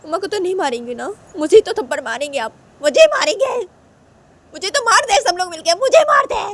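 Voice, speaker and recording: A woman's voice: mid-range voice, expressive, brisk, natural voice. A woman voicing a petulant young partner who complains and repeats herself in a storybook tale. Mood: self-pitying. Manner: whining, complaining, repetitive. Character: hurt young partner, petulant and self-pitying.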